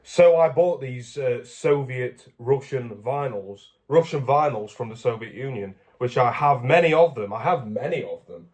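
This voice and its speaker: A man from England chats loosely to his camera, circling back and restating himself as he talks. His pitch sits right in the middle for a man, with an easygoing, rambling vlog delivery. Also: normal speed, hardly any pauses, a little mellow. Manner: rambling, chatty, self-correcting. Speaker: vlogger. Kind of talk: casual vlog talk.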